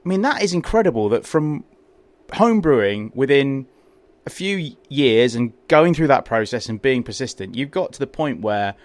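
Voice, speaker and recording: A London man with a London accent hosts a casual podcast interview in a small brewery, his medium-pitched voice expressive and his pace moderate. He speaks with enthusiasm and often repeats words as he begins a thought. The recording is close and dry, with no room sound.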